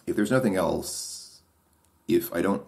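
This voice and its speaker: A little slow and a little mellow, a man with a deep voice ponders aloud by himself. He hesitates, begins sentences anew, and interrogates his own ideas.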